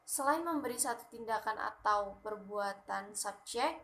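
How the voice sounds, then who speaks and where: A woman's voice: mid-range voice, animated, measured pace, fairly bright tone. A young woman, a university student reading her class presentation in a careful, read-aloud way. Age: young adult.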